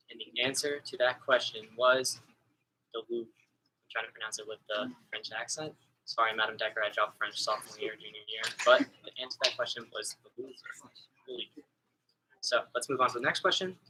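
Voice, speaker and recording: A man's voice: medium pitch, brisk, sharp tone, slight background noise, poor audio. A young man hosting a virtual trivia contest, reading each question twice and slipping in casual asides. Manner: casual and chatty, with small asides. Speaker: trivia quiz host. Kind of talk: reading quiz questions over a video call. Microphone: computer mic on a video call.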